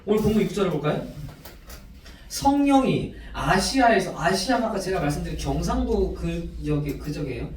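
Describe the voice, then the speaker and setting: A man's voice: sits high, brisk, a little hiss or hum. A young man, a youth pastor, preaching a sermon to teenagers and quizzing them with questions as he goes. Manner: animated, quizzes listeners with questions. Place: church worship room. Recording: echoey room, voice from far off.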